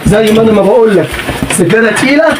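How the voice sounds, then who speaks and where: Fast, high-pitched Egyptian man hawking wares. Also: noisy background. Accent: Egyptian Arabic. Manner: pushy, repetitive, exasperated haggling. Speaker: secondhand goods seller. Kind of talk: sales pitch vlog. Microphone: phone camera.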